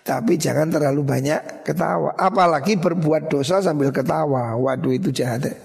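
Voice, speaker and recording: A man's voice: a little high, vocal fry, long reverb tail. A middle-aged man with a Javanese accent teaching a kitab study, mixing Arabic recitation with Javanese asides and jokes. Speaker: Islamic teacher.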